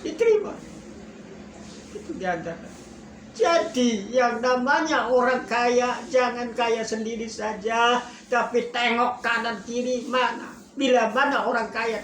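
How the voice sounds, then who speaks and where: A man preaching in a storytelling sermon, animated and rising to emphatic bursts. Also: extremely high pitch, slight background noise. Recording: roomy echo, faint ambience.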